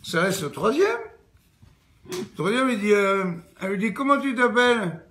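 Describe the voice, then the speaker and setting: Man telling jokes in a high voice. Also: very animated, normal speed, a bit bright, a little hiss or hum. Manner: casual, addresses the listener with "tu vois". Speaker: joke teller.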